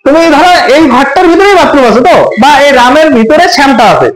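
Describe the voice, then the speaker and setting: A man teaches a computer class in a very high voice, chatting casually and firing questions at the students. His voice bounces around an echoey room. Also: lively intonation, fast talker, soft background music. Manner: colloquial, asks students questions often. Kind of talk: classroom lesson with everyday examples.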